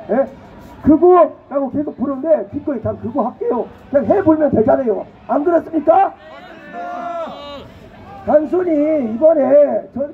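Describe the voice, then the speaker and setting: A young man from Jeolla with a Jeolla dialect gives an impassioned political rally speech, prodding the crowd with rhetorical questions and shouting at times. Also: very high voice. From Jeolla, South Korea. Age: young adult. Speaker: rally speaker. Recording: tinny phone-like audio with faint noise.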